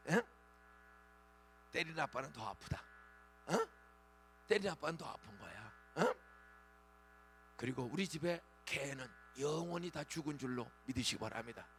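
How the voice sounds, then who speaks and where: A man in his sixties preaches in a church, high and gravelly, his pitch leaping and falling. He talks in a bright, forceful voice and keeps prodding the congregation with quick questions. Faint music sits behind him. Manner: animated preaching with call-and-response prompts. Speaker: pastor. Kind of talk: dawn revival sermon. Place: church sanctuary.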